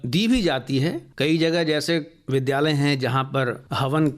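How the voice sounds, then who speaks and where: A man's voice: fairly high pitch, a little slow. A man being interviewed in a radio studio, speaking earnestly about education and listing ideas at length. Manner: earnest, explanatory, builds long lists of values.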